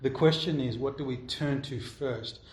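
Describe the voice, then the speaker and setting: A man's voice: mid-range voice, normal speed, a little hiss or hum. A man preaching a sermon, answering questions from the congregation in a conversational way and often checking in with his listeners. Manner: conversational, keeps checking in with "all right?". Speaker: pastor. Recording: roomy echo.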